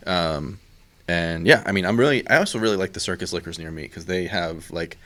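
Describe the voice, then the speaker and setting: A man's voice: sits low, brisk. A man co-hosting a podcast, talking casually and rambling a bit with lots of fillers. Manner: relaxed, rambling with many fillers. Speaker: podcast co-host. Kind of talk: casual chat.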